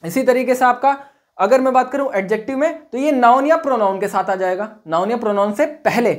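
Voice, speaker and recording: A woman teaching a grammar lecture, asking her own questions aloud and answering them, reading example sentences out slowly. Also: a little high. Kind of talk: classroom lecture.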